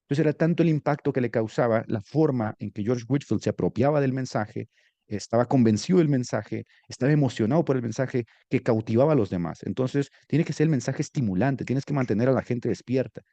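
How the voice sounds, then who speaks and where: A man teaching rhetoric to a class, animated and asking students questions. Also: medium pitch, brisk, dry recording. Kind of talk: classroom lecture.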